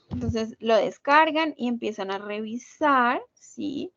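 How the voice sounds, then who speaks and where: A woman leads an online English class, walking her students patiently through each rule and checking that they follow. Her voice sits a little high. The video call audio is dull and lo-fi. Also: expressive, slow, fairly bright tone, no echo. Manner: patient, explains step by step, checks in with "¿listo?". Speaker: English teacher.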